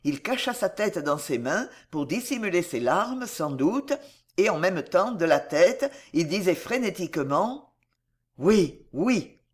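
A narrator reading a novel aloud in an expressive, measured storytelling manner. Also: medium pitch. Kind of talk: dramatic audiobook reading.

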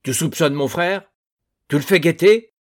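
A man's voice: medium pitch, very animated, slow pace, darkish tone. A man voicing a brawny, furious fisherman who bellows curses and threats. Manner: bellowing and cursing.

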